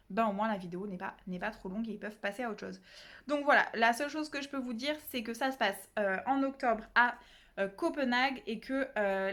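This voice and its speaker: A woman's voice: fairly high pitch, fairly bright tone. A young woman booktuber chatting casually about her reading pile, self-deprecating and full of fillers. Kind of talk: casual book haul chat.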